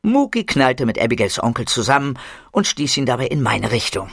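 A man's voice: medium pitch, fairly quick, gravelly, a bit bright, husky, no room sound. A man narrating a first-person children's story with dry humor. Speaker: audiobook narrator.

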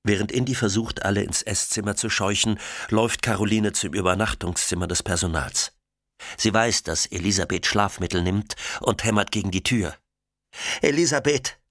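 A man narrating an audiobook in an expressive way, switching voices for the characters. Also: sits low, dry recording, clean studio sound.

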